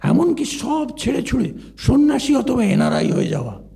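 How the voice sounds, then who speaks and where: Gravelly older man lecturing on philosophy. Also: extremely high pitch, very animated, normal speed, dark tone. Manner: discursive, asks the audience questions.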